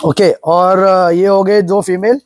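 A man selling goats walks through an outdoor pen, eagerly pointing out features and giving prices while a nearby phone records him. He speaks slowly in a high voice with little pitch movement, and there's slight background noise.

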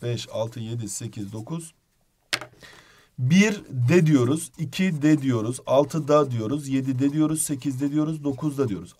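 A man with a slightly high voice runs an exam-prep grammar lesson. He talks straight to his students and rattles off examples in quick lists. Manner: direct, addresses students informally. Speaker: teacher.

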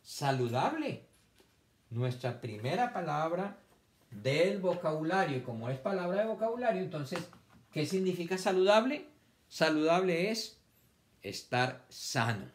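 A man's voice: on the high side, very animated, a little slow. A man teaching a children's vocabulary lesson, stretching words out syllable by syllable and repeating them for the class to copy.

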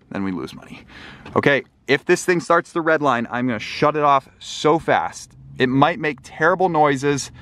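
A young man in his twenties talking straight to camera in a casual vlog, excitable and jumping between worry and delight. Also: mid-range voice, no room sound. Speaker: car flipping vlogger. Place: outdoor parking lot and inside a small sports car. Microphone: handheld camera at arm's length.

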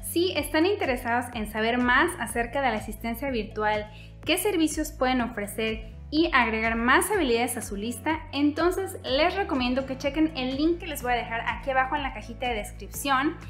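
A young adult woman hosts a YouTube vlog, an upbeat, scripted explainer addressed directly to viewers. Her high voice has lively intonation at normal speed. She sits on a couch in an echoey indoor room, filmed in a medium shot by a fixed camera, with soft background music.

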